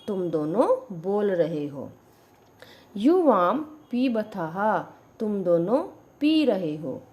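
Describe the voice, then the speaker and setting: A woman teacher, slowly explaining Sanskrit grammar and repeating each sentence with its meaning. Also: fairly low pitch, darkish tone, slightly rough. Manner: slow, deliberate, repeats each sentence with its translation.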